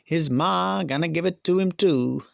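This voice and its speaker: A man's voice: fairly high pitch, moderate pace, creaky, dry recording, clean studio sound, pitched above the performer's own voice. A man voicing a cynical, knowing schoolboy who speaks with mocking confidence. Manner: knowing, scornful.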